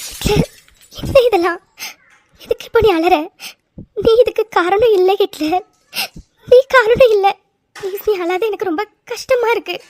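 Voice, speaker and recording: A woman voicing a very high, gentle heroine. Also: normal speed, dry recording. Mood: tearful. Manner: soft, pleading, tearful, calls him Hitler fondly. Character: gentle forgiving young woman, injured and bedridden. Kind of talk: cartoon voice dubbing.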